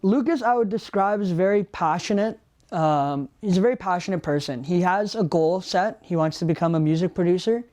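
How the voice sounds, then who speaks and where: A man's voice: sits high, brisk. A young man from Ontario, talking about his housemates in a documentary interview, in a loose way with many fillers. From Ontario, Canada. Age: young adult. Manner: relaxed, talks with many fillers.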